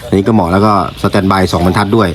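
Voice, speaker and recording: A man's voice: sits low, steady tone, racing. A man giving a polite, informal product presentation as a shop presenter, explaining and repeating his points. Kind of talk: informal product review to camera. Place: indoor room used for recording videos. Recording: clear background noise in room.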